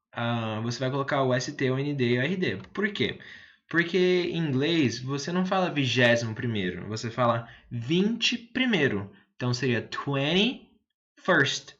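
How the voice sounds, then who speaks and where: A man's voice: a little high, a bit bright, lo-fi sound. A man teaching English to viewers, explaining patiently, repeating words and checking in with his listeners.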